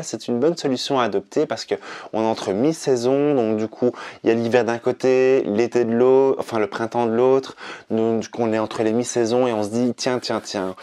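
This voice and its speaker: A man's voice: mid-range voice, a little mellow. A young man, reviewing perfumes in an enthusiastic, casual countdown, with "donc du coup" as a constant filler.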